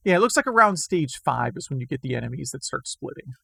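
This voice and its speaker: Gravelly man losing his voice. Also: mid-range voice, sing-song, quick pace, pushed and bright, no echo. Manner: rambling, self-deprecating. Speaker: podcast co-host. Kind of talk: casual chat.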